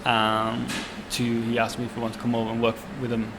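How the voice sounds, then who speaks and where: A Swedish chef and restaurant owner in his 20s chats in a casual interview with a Swedish accent and a middling pitch. He's halting, pausing often, using many fillers and restarting sentences. Steady background noise runs underneath.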